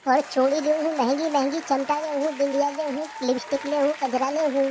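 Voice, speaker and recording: A woman voicing a demanding, sharp-tongued village wife in a cartoon comedy, with a bossy manner. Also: high voice, level tone, fairly quick, noisy background, close to an everyday voice.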